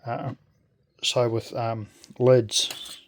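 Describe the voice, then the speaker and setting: A man talks through a casual hands-on demonstration. His voice sits at a medium pitch, and he speaks very slowly, in a halting, friendly way. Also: level tone, heavy background noise. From New Zealand. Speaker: video creator.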